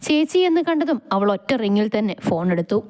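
A woman reading a romance story aloud in a steady, even storytelling manner. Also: medium pitch, fairly quick.

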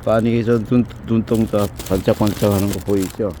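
A man's voice: on the low side, flat delivery, normal speed, noisy background. A man giving casual running commentary outdoors before dawn, chatting, scolding and cooing at animals in turn. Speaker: video host.

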